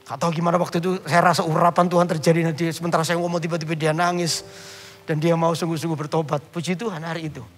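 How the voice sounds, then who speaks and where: A man's voice: a little high, level tone, fast talker, soft background music. A male pastor telling a humorous story in a sermon and often addressing the congregation.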